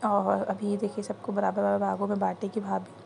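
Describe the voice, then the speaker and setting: A young woman records a vlog on her phone at an indoor home puja and chattily explains each ritual step. Her voice is gravelly and mellow and stays quite flat. Faint noise sits under the recording. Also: medium pitch, brisk. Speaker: vlogger. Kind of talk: casual vlog narration.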